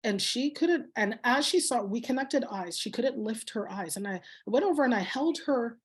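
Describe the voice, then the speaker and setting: A woman's voice: a little high, animated, normal speed, breathy edge. A woman guest speaker from Canada, talking passionately and telling stories in an interview. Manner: passionate, storytelling, motivational. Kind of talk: interview conversation.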